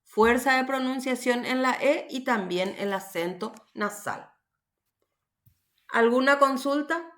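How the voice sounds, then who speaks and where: A woman teacher, explaining grammar rules slowly and patiently in a recorded online class, often checking in with her students. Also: high-pitched, fairly bright tone.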